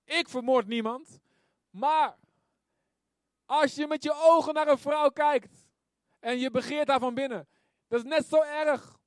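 Man, high voice, preaching a sermon, lively, calls amen, dry close sound. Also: unhurried, pauses often, dry recording. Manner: lively, often asks "ja toch?" and calls "amen".

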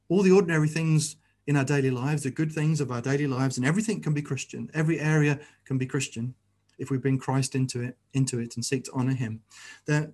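A man's voice: a little high, darkish tone. A man preaching a sermon as a pastor, earnest and fond of rhetorical tag questions.

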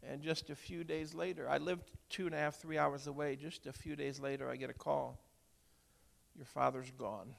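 A man in his sixties, a preacher, telling a heartfelt story in a sermon, swinging from hushed to loud. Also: on the high side, flat delivery, brisk, creaky, few pauses. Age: 60s. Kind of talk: emotional sermon testimony.

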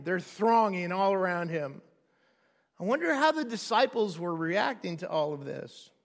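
A man, preaching a sermon as pastor in a conversational, animated way with quick asides. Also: very high-pitched. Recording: long hall reverb.

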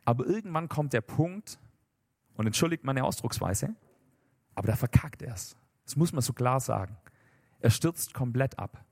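Lively colloquial German man preaching. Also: mid-range voice, normal speed, long pauses, husky. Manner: lively, colloquial and direct, addressing the congregation. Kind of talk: sermon with scripture reading. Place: church hall with a projector.

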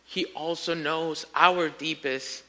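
A man preaching a sermon, telling a story with lively emphasis and speaking to his listeners as friends. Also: on the high side, slow. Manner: animated storytelling, rising to near-shouts in acted quotes.

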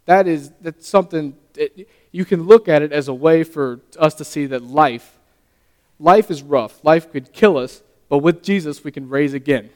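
Earnest young man preaching in a hall. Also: on the high side. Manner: earnest, halting, stumbles and restarts. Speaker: lay preacher. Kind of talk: sermon. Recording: long reverb of a hall.

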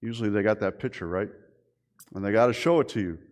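A middle-aged man preaching a sermon as a pastor. He tells lively stories and keeps asking his listeners rhetorical questions. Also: on the low side, fast talker. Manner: animated storytelling with rhetorical questions.

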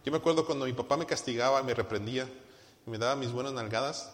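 Man preaching with loud and soft swings. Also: medium pitch, fast. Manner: asks the congregation questions. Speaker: pastor. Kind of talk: sermon. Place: church hall. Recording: long reverb of a church hall.

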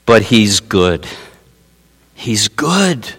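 A man preaching a sermon as pastor, swinging from hushed asides to loud exclamations. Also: on the low side, big pitch swings, very slow, breathy edge. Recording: long reverb of a large hall.

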